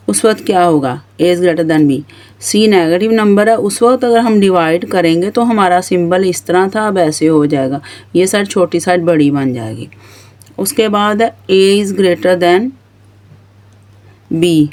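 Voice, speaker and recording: A woman's voice: on the low side, a little mellow. A woman with a Pakistani Urdu accent teaching a math lesson, patiently explaining each step and pointing at the board as she goes. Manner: patient, stepwise explanation with frequent pointing words.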